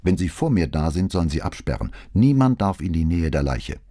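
A man's voice: low-pitched, very animated, a little fast, dark tone, no room sound, studio quality. A man reading the part of an irritated police commissioner, giving curt orders. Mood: curt, commanding. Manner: curt, commanding.

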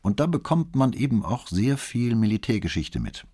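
A man reading an audiobook, voicing a calm, ironic and courteous police commissioner. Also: mid-range voice, moderate pace, husky, pitched above the performer's own voice.

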